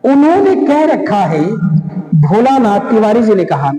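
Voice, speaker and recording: Slow, echoey man teaching a class. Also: high voice, big pitch swings, warm tone. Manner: slow, repeats key terms and stretches single words. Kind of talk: classroom lecture. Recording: echoey room, roomy reverb.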